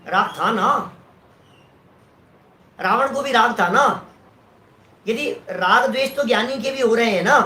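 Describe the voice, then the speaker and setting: A man lecturing on scripture with a bright, forceful voice. He explains step by step and keeps asking whether the point has landed. The recording has a roomy echo. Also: extremely high pitch. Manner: explanatory, often checks that listeners follow. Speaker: scripture teacher.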